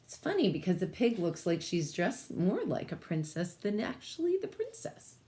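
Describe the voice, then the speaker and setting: With a fairly low-pitched voice at a normal pace, a woman teacher gives an expressive picture-book reading for kids, regularly asking her young audience questions.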